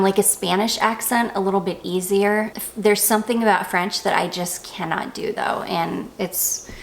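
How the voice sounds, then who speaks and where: A young woman with a voice of ordinary pitch and a slight gravelly fry gushes about fragrances in a relaxed, chatty way. She pokes fun at herself and keeps wandering onto side tracks. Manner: gushing, goes off on tangents, self-deprecating. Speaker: perfume reviewer. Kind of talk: casual review chat.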